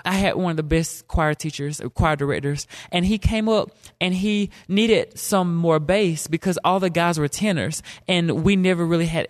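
A man's voice: sits high, no room sound, studio quality. A young man from South Carolina, telling a personal story in a casual, joking way and acting out quotes. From South Carolina, USA. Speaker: storyteller guest.

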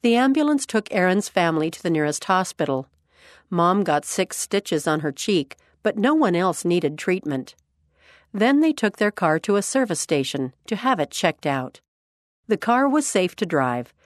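A woman narrating a scripted story in a calm, measured way. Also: fairly low pitch, no room sound, clean studio sound.

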